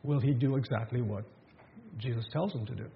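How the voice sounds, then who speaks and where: A man's voice: mid-range voice, a little fast, creaky, lo-fi sound. Man preaching in an echoey hall. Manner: conversational preaching, many restarts and "um"s, rhetorical questions. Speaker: pastor. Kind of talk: sermon.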